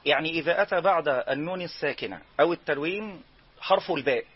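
A man with an Egyptian accent teaching Quran recitation rules, explaining each rule and then chanting slow example verses. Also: on the high side, breathy edge, lo-fi sound. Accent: Egyptian Arabic. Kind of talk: tajweed lesson.

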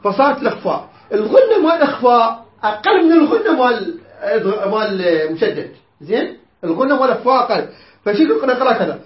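Man, recitation teacher, very high voice, roomy dull recording. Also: big pitch swings. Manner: chants verses slowly, quizzes students. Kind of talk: tajweed lesson with recitation.

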